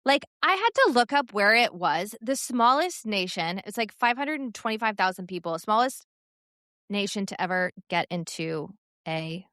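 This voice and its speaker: Chatty woman with a smooth, dry voice. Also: medium pitch, lively intonation, moderate pace, pushed and bright, dry recording. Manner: chatty, laughs often, many fillers. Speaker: podcast co-host. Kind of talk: casual sports chat.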